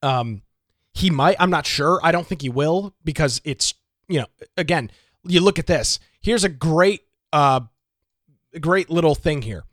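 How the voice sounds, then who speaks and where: A man's voice: fairly high pitch, lively intonation, measured pace, a bit bright, no room sound, clean studio sound. A man hosting a political talk show, delivering opinionated commentary with many rhetorical questions.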